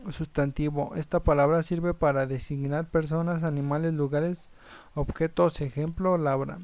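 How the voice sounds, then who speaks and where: Man reading a lesson, slightly high. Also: steady tone, normal speed, a little mellow, dry recording. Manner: reads point by point, with small slips he corrects mid-word. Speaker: presenter of a grammar lesson. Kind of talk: read-aloud lesson narration.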